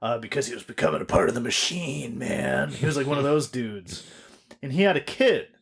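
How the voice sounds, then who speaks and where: Animated jokey man in his twenties. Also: mid-range voice, a little fast, gravelly, slightly rough. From United States. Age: 20s. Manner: animated, jokey, swears freely. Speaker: podcast co-host. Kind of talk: casual chat.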